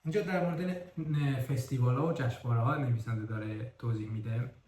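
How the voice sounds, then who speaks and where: A man talks through a book review in a relaxed, unscripted way. He goes carefully, stopping to correct himself and sound out single words. He sits a little back from the mic, and his voice rings in a roomy space. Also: medium pitch, distant mic, slight background noise. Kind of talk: casual spoken book review.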